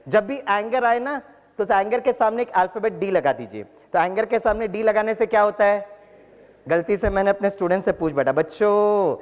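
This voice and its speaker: A man from Tamil Nadu, a professor, giving a motivational talk to an audience, telling stories in a lively way and acting out the dialogue, switching between Hindi and English. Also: high voice. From Tamil Nadu, India. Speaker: spiritual talk speaker, engineering professor. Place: large hall before an audience. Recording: long hall reverb.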